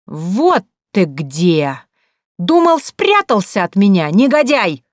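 A woman reading aloud voices a brash, shrill woman who screams accusations at a jilted lover. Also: very animated, slow pace, no room sound, studio quality. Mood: furious.

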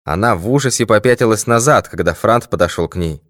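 A man reading a novel aloud as an audiobook narrator, evenly and measured. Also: on the low side, fairly bright tone, dry recording, clean studio sound. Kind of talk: scripted narration.

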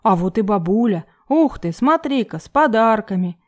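A woman voicing a bitter young man, rude, loud and sarcastic. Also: medium pitch, animated, moderate pace, close to an everyday voice.

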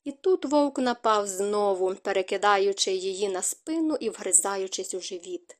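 A woman narrating a fantasy novel as an audiobook in a steady, expressive reading. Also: mid-range voice. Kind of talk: scripted narration.

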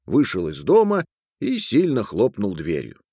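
A man reads a folk tale aloud in an expressive, animated manner, his pitch moving freely through each sentence. His voice is mid-pitched for a man, and the sound is dry and close to the mic with no room around it. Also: a little slow, husky, no echo. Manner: expressive, plays all the characters. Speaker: storyteller. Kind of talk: scripted narration of a folk tale.

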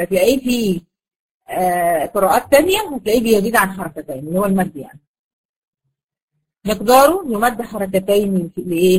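A woman with an Egyptian Arabic accent teaching a tajweed lesson to a class of girls, patiently asking questions and drawing out example words slowly. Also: mid-range voice, husky, rough recording. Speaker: Quran recitation teacher.

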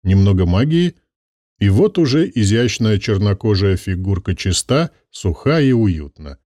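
A man reading an audiobook aloud, with expressive scripted narration. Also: lowish voice, unhurried, dry recording, clean studio sound.

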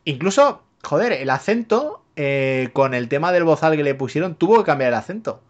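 A man's voice: on the high side, very animated, normal speed, highs cut off. A man from chatting casually about films on a podcast, rambling with fillers and tag questions and swearing freely. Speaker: podcast co-host. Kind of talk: casual film chat.

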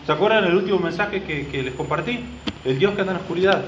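Male pastor, higher voice, chatty sermon full of questions and jokes, echoey room with a faint hiss. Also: quick pace, dull audio. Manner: conversational preaching with frequent questions to the congregation and joking asides.

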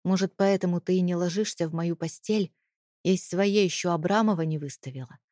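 A woman voicing a cold, threatening husband in an audiobook, speaking in low hissed threats. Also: a little fast, mellow, dry recording, studio quality, lightly acted. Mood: menacing.

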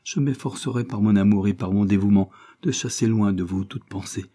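A man's voice: on the low side, a little fast, warm tone, close to an everyday voice. A man reading the part of an anguished young wife in an audiobook, in an urgent, pleading tone. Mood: distressed.

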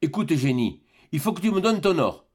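A man's voice: a little high, big pitch swings, brisk, breathy edge. A man voicing a domineering miserly old father who wheedles, then rages and curses. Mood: coaxing. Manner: wheedling, then shouting and cursing.

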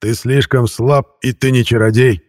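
A man voicing a gloating old undead ghost guarding a treasure, croaking with spiteful, drawn-out menace. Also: mid-range voice, fairly even intonation, darkish tone, no echo, studio quality, lightly acted. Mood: taunting.

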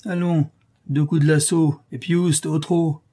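A man's voice: a little high, level tone, unhurried, dark tone, pitched above the performer's own voice. A man voicing an impatient bandit who speaks curtly with a growl. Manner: growling, curt.

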